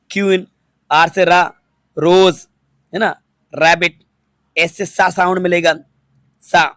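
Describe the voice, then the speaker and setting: An English teacher with a high, bright, forceful voice leads a phonics lesson, patiently spelling words out letter by letter and repeating each one for his students. The studio-quality recording has no room sound.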